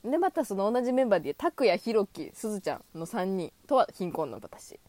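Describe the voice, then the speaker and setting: A lively woman in her twenties hosts a solo podcast, delivering a casual monologue at a fairly quick pace in a dry recording. She's animated and high-energy, acting out imagined dialogue, giggling and poking fun at herself.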